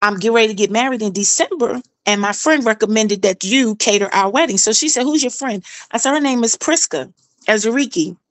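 A woman's voice: a little high, a little fast, dry recording. A middle-aged woman tells her own story in casual chat. She talks animatedly, acting out quoted dialogue and repeating phrases for emphasis. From South Carolina, US.

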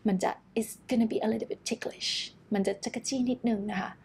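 Unhurried woman coaching pronunciation. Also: a little high, fairly even intonation, creaky, a little mellow, breathy edge. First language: Thai. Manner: switches between Thai explanation and slow, drawn-out English model words. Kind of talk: casual online pronunciation lesson.

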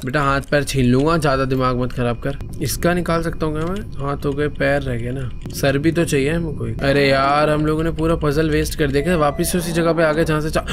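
Young guy w hindi accent playing a horror game, kinda high voice, jumpy and chatty, faint hiss behind. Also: fairly quick, few pauses. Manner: excitable, talks to viewers, jumpy frightened exclamations. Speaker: gaming YouTuber. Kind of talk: horror game let's play commentary.

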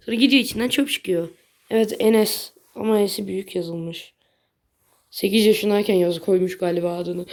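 A young woman chatting casually while playing a mobile game, blunt and easily frustrated, swearing lightly at her bad luck. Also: medium pitch. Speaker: gaming video creator. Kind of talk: casual gameplay commentary.

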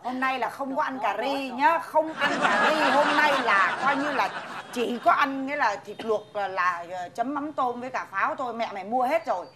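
Một người phụ nữ đóng vai bà nội già nghiêm khắc, giọng miền Bắc, hay mắng mỏ con cháu trong tiểu phẩm hài. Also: female voice, high voice, animated, fast, over a noisy crowd, heavy background noise. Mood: scolding. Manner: scolding, blunt, teasing. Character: stern old grandmother, scolding. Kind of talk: comedy sketch acting.

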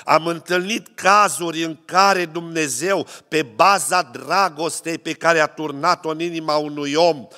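A man's voice: a little high, fairly even intonation, hardly any pauses, sharp tone. A man preaching a sermon, telling stories and acting out the voices of people in them. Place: church hall. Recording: long church hall reverb.

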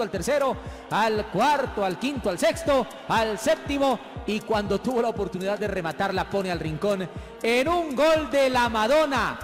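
A Colombian man giving excited football analysis, emphatic and repeating words for effect. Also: very high-pitched. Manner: emphatic, repetitive, counting out points. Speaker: football pundit. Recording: reverberant broadcast with music behind.

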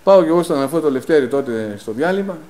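A man preaching a sermon in a plain conversational tone, asking rhetorical questions, filling pauses with "eh" and calling the congregation brothers. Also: fairly high pitch, expressive, mellow, poor audio. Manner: rhetorical questions answered himself, frequent "eh" fillers; personal anecdotes told in plain conversational tone. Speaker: lay preacher.

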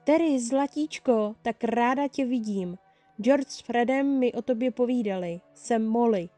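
A woman voicing a loud, warm, motherly redhaired witch in a read-aloud fan story, talking in an effusive, fussing way. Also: fairly high pitch, soft background music, close to an everyday voice. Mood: delighted.

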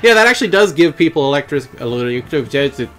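A man's voice: on the high side, very animated, brisk, fairly bright tone. A man doing joking, playful gameplay commentary with casual swearing and blurted sound effects. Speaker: gaming video host. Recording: game music behind the voice.

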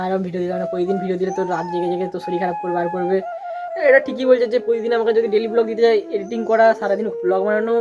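A young vlogger in their teens talking casually to viewers, chatty and full of restarts. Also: mid-range voice. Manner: rapid, chatty, with frequent restarts. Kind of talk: casual vlog talk to viewers. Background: background music.

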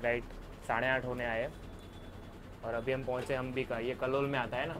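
A man's voice: medium pitch, little pitch movement, normal speed. Young man vlogging from a noisy bus. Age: young adult. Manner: chatty, mixes English words into Hindi. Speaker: travel vlogger. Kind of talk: casual travel vlog narration. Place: moving bus at night. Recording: bus and street noise behind. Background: engine and traffic noise.

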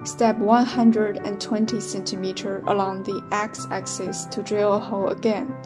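Over background music, a young woman with a Chinese accent methodically counts off numbered steps for setting up a machine. She's a product demonstrator doing an instructional voice-over, speaking unhurriedly in a medium pitch with a level tone and plain delivery.

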